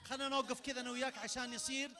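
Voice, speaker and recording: A man's voice: very high-pitched, very fast. A man with a Saudi accent hosting a crowd party game in a big event tent, talking into a handheld mic and barking sudden commands. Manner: energetic, barks sudden commands. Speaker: game host at a public event. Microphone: handheld microphone.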